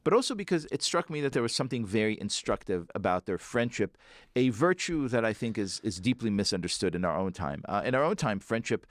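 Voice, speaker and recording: A man, an author and guest, telling a story with animated, swooping emphasis. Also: fairly low pitch, a little fast, dry recording, studio quality.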